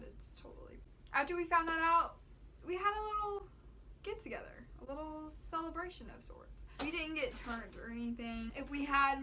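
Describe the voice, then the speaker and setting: A young American woman tells a story in casual vlog style. Her voice is fairly high and forceful, with slangy, animated delivery that acts out who said what. Some noise sits behind her. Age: young adult. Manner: animated, slangy, quotes dialogue. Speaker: vlogger telling a story with a friend. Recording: clear background noise.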